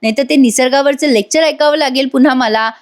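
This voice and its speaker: A woman's voice: high voice, quick pace, voice pushed up, lightly acted. A woman voicing a young male lawyer who teases his wife and bosses his friend, in a recap voice-over. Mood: playful. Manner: bossy and playful. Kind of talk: recap voice-over reading of a soap scene.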